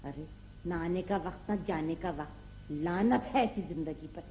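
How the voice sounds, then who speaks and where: An actress playing a sharp-tongued, sarcastic middle-aged mother and wife in a classic television comedy drama. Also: on the low side, unhurried, slight background noise, lightly acted, rough recording. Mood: scolding. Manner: sarcastic, scolding.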